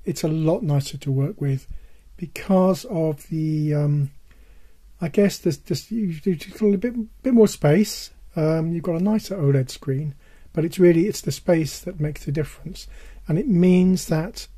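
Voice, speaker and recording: An older man presents a music tech video, giving casual product advice in a halting way and repeating points for emphasis. His voice is a little high with a dark tone, husky, dull and worn, and it gives out as he stresses what he's saying.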